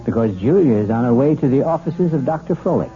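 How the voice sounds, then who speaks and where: A man hosting a 1970s radio drama with measured, dramatic scripted narration. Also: medium pitch, animated, mellow. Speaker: host and narrator. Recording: dull old radio broadcast with music.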